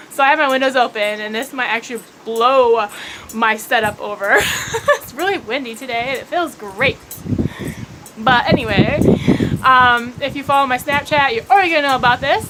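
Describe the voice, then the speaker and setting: High-voiced woman chatting over noise. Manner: rambling, chatty, many fillers and restarts. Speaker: vlogger. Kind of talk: casual chat to camera. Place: home room with windows open on a windy day.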